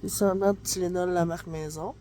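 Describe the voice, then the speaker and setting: A woman's voice: lowish voice, steady tone, fairly quick, dark tone, a little hiss or hum. A woman with a Québécois accent chatting casually in a home vlog, rambling along with lots of fillers and talking through a stuffy nose. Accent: Québécois French. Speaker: vlogger and mom. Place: at home, kitchen then in bed. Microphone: handheld phone camera, no tripod.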